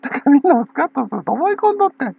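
A woman's voice: sits high, sing-song, rapid-fire, vocal fry, dry recording. A woman with a Kansai accent talking in a rambling casual monologue, laughing often between phrases, on a dull lo-fi recording. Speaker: channel owner.

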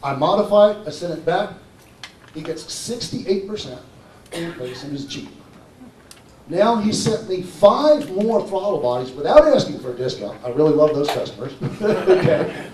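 A man giving an animated conference talk who keeps checking in with "okay?" and "right?" as he presents his engine modification. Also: fairly high pitch, moderate pace, slight background noise. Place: conference hall. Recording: echoey hall, mic far off.

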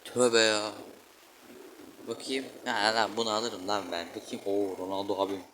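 A man's voice: fairly low pitch, flat delivery, a little slow, slight background noise, rough recording. A man giving casual, slangy commentary on a football video game, grumbling and exclaiming at every play. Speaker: gaming channel host. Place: room indoors, playing a football video game. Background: children shouting outside.

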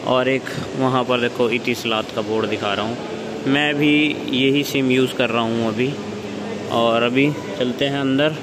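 A man's voice: medium pitch, noisy background. A young man casually vlogging a walk through a shopping mall, talking straight to his viewers on a phone held at arm's length. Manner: chatty, addresses viewers directly. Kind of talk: casual walking-tour vlog. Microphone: phone front camera at arm's length.

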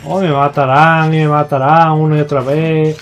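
A young man with a Spain Spanish accent narrates his own matches as he plays, swearing freely and bursting into shouts at his opponents. His voice sits fairly high for a man. Game music plays faintly underneath. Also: normal speed. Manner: excitable, swears a lot, yells at opponents. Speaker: gaming YouTuber. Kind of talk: live gameplay commentary.

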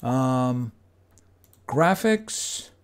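A man's voice: medium pitch, animated, very slow, clear, resonant tone. A man streaming a farming game, chatting casually and making wry asides. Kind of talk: casual gameplay commentary. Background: game music.

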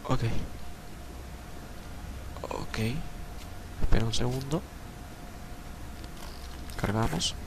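A man's voice: mid-range voice, extremely slow, creaky, long pauses, noisy background. A man commenting on a horror game at night, jumpy and swearing, yelping at scares. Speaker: let's play commentator. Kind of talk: gameplay commentary. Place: room at night.

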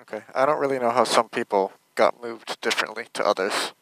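A man's voice: medium pitch, a little fast, background noise. A man talking to his team over race car radio as the driver, with clipped, matter-of-fact replies. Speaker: racing driver.

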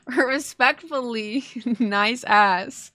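A woman in her twenties streams reactions to game trailers from a small indoor room at home, her commentary casual, gushing, slangy and playful. Her voice is a little high, bright and forceful, yet she speaks very slowly. The studio sound is clean with no room echo, and faint trailer music plays behind her.

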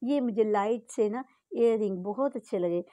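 A middle-aged Pakistani woman, a home vlogger, chats casually to her phone camera from her bedroom, her Urdu carrying a Punjabi tinge. Her voice is medium-pitched and dark-toned, moving at a moderate pace with no echo. She's chatty and homely, full of little asides.

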